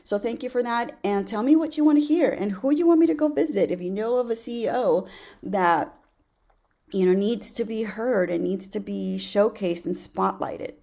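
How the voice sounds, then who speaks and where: A woman's voice: mid-range voice, normal speed, creaky, warm tone. A woman in her late forties hosting her own podcast, talking earnestly and encouragingly to her listeners, often restarting with "you know" and repeated words. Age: 40s. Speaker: podcast host. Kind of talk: casual solo podcast talk.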